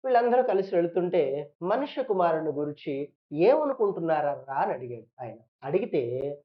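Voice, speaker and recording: A woman's voice: low voice, sing-song, normal speed, dull audio. A woman preacher giving a sermon, pressing listeners with repeated rhetorical questions and acting out churchgoers in quoted asides.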